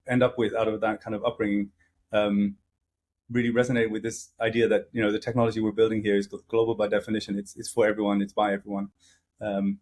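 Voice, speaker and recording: A man's voice: on the low side, darkish tone. A middle-aged man talking as an interview guest, casual and hesitant, with frequent fillers and restarts. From grew up in several countries.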